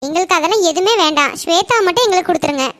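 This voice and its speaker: Woman voicing the groom's cartoon mother, very high, quick, courteous. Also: a bit bright, no echo. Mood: polite. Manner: polite, courteous. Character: polite, cheerful mother of the groom.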